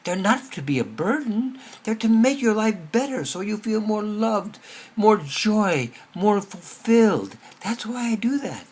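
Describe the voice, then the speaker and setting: A man voicing the still, small voice of God, speaking softly and tenderly in a reassuring way. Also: high-pitched, sing-song, a little slow, husky, voice pushed up, full character voice. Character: loving, gentle divine voice.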